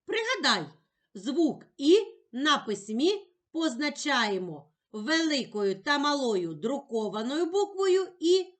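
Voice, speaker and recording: A woman teaches young children in a very slow, carefully articulated voice. She sits fairly high in pitch and lifts her intonation in a lively, sing-song way, stretching out each word she wants heard. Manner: drawn-out, sing-song emphasis on words and sounds.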